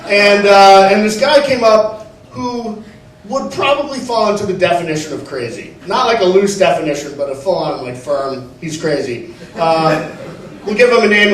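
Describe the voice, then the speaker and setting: High-voiced man doing stand-up in a roomy club. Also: recorded from a distance. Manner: chatty, self-mocking. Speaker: stand-up comedian. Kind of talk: stand-up set. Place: comedy theater. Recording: roomy club recorded from afar. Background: audience laughter.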